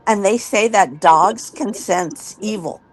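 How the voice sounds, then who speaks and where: Slow, earnest woman telling a ghost story. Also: mid-range voice, low-quality recording. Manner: slow, earnest, repeats words when tense. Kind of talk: casual storytelling.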